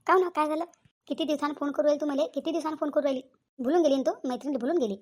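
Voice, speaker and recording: A woman acts out a young cartoon village woman who fires off reproachful questions at her friend. She speaks in a high, quick voice with a Varhadi accent from Vidarbha. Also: darkish tone, natural voice. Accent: Varhadi Marathi, Vidarbha. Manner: nagging, rapid reproachful questions. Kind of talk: cartoon voice acting.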